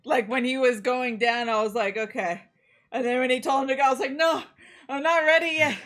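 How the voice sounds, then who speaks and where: A woman co-hosting a movie reaction, chatting casually with quick agreements. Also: a little high, steady tone. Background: faint movie soundtrack.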